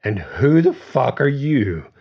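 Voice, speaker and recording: A man's voice: mid-range voice, sing-song, slow pace, vocal fry, husky, muffled recording, voice pushed up, heavily acted. A man doing a slurring drunk ex-boyfriend, belligerent. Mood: slurring hostile. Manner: slurred, belligerent, half-shouting.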